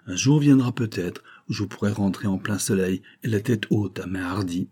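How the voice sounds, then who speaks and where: A proud, stern nobleman who gives orders curtly, as a male audiobook narrator puts him on. Low, dark and husky in tone. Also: normal speed. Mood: solemn.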